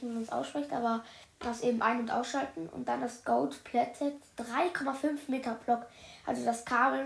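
A woman reads a children's story aloud and keeps breaking off to chat with her viewers in slangy, playful asides. Her voice sits a bit high with a gravelly edge. The room adds a noticeable echo. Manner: chatty, addresses viewers as "Leute", youthful slang. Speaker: streamer reading a book aloud. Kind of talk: casual reading aloud with chatty commentary. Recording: roomy echo.

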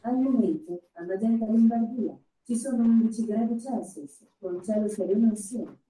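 Female smart-speaker assistant, very soft dark tone, roomy distant playback, scripted delivery. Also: on the high side, moderate pace.

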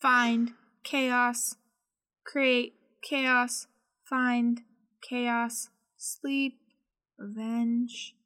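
Woman doing a slow cyborg voice. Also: on the high side, flat delivery, bright, forceful tone, clear, resonant tone, full character voice. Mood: weary, vengeful. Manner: put-on cyborg voice, halting one- and two-word phrases. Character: tired vengeful female cyborg, speaking in clipped fragments. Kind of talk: tabletop role-play.

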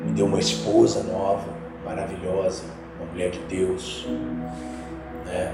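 A man's voice: deep voice, monotone, unhurried. A man, a guest musician on a podcast, telling his life story casually in slangy speech that rises into fervent emphasis. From Minas Gerais, Brazil. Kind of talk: casual personal testimony. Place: podcast studio. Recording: very echoey room with background music.

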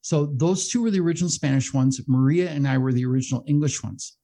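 A middle-aged man who hosts a radio show, talking as a guest in a casual interview, animated and self-deprecating, laughing often. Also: mid-range voice, quick pace. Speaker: radio show host and behavioral health manager, guest.

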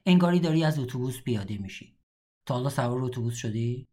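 A husky, grainy-voiced middle-aged prisoner, read by a man in an audiobook, talking in a blunt, mocking, matter-of-fact way. He sounds cynical and scarred, and lays out grim advice flatly, without softening it. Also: medium pitch, lightly acted. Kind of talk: audiobook dialogue reading.

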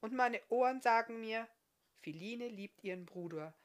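A woman reading aloud, voicing a gentle, blind, bearded giant man in a soft, consoling way. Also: fairly high pitch, normal speed, pitched above the performer's own voice, natural voice.

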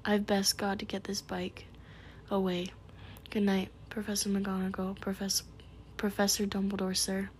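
A woman's voice: medium pitch, completely flat delivery, normal speed, a little mellow, slight background noise, natural voice. A woman voicing a huge, shaggy male giant who sobs and stammers, in whispered role-play. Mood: muffled. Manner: sobbing, stammering.

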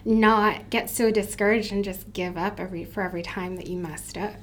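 A woman's voice: mid-range voice, fairly even intonation, fairly quick. Woman asking a short interview question. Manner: brief supportive questions and backchannels. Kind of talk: casual interview.

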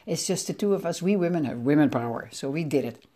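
Speaking low, fast, and animated with a dark tone, a middle-aged woman from the Netherlands rambles through a casual solo episode of her podcast. Her Dutch accent is clear, she keeps correcting herself mid-thought, and her ribs are aching.

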